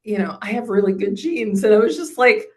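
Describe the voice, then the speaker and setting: A woman's voice: medium pitch, lively intonation, fairly quick, darkish tone. A woman in her forties giving a testimonial in a casual interview, rambling with many fillers and restarts. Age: 40s. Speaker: program client giving a testimonial.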